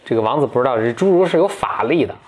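Racing along in a husky, mid-range voice with lively intonation, a male podcast host spins a fairy tale casually. He's chatty, with plenty of fillers and restarts.

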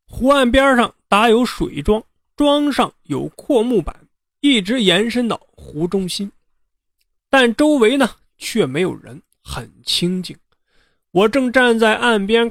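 A man narrating a ghost story in an unhurried, conversational way. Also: sits high, vocal fry, no room sound, clean studio sound. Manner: unhurried, conversational telling with drawn-out particles.

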